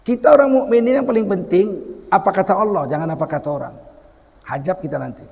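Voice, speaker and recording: A middle-aged man delivers a lively sermon. He mocks and acts out the people he describes. His voice sits a little high and rings with a long hall reverb. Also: fast, gravelly. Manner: animated, mocking, acts out quoted people. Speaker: preacher.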